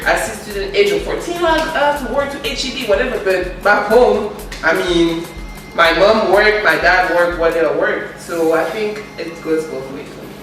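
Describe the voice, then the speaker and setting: A woman's voice: on the low side, fairly bright tone. Young woman from Gabon, frank and casual. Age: 20s. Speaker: interviewee. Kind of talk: casual sit-down chat. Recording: very echoey room, mic set far off.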